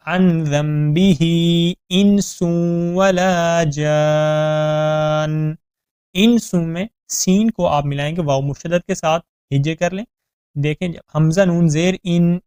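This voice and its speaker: A man teaching Quran recitation, explaining reading rules in plain talk, spelling out letters syllable by syllable and reciting verses slowly and melodiously. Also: a little high, a little mellow, no room sound, studio quality. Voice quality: smooth, clear voice.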